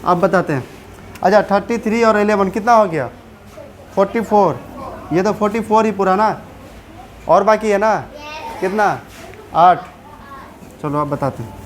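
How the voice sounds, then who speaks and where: A woman's voice: mid-range voice, normal speed, long pauses, slight background noise. A woman teacher with a Bihari Hindi accent, giving a classroom grammar lesson and often asking the pupils questions to check they follow.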